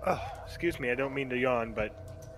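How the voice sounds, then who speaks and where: A man's voice: mid-range voice, moderate pace, music in the background, rough recording. A man joining a game on voice chat, bantering and teasing his friend with chuckles. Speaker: co-player on voice chat. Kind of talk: casual gaming banter.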